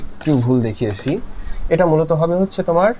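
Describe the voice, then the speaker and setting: Lively-voiced male tutor. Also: on the high side, brisk, a little hiss or hum. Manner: repeats words aloud to model sounds, asks and answers own questions. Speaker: linguistics tutor. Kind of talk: explanatory lecture.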